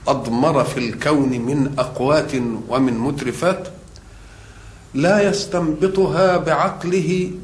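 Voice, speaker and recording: Guy giving a sermon, voice a bit high, echoey room w faint hiss. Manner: measured, explanatory, rising emphasis on key points. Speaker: religious scholar.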